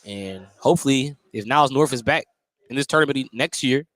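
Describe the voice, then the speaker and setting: The play-by-play announcer for this live radio basketball broadcast speaks a little fast in a medium-pitched, fairly bright voice. He's in an indoor gymnasium, and the noisy recording picks up gym clamor and bouncing basketballs.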